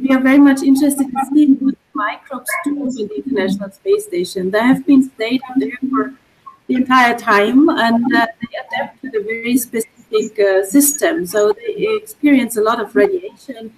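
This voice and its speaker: A woman's voice: a little high, normal speed, rough recording. A woman scientist explains her research to a webinar audience in an enthusiastic, informal way, with fillers. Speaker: scientist guest.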